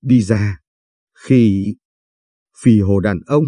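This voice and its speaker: A man's voice: lowish voice, very slow, mellow, no echo, studio quality. A man voicing a young peasant wife in labor who pleads in a strained voice. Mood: angry.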